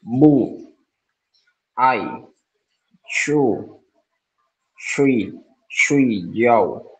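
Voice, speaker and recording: A man student in a private language lesson, slowly and hesitantly repeating single syllables after his tutor. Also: mid-range voice, animated, rough recording. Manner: hesitant, slow single-word repetitions.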